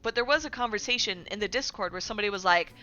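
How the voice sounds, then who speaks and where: A woman streamer chats casually with her viewers in a mid-range voice that is rapid-fire, bright and forceful, with lo-fi sound. Her livestream commentary is full of fillers, and she keeps checking in with "right?"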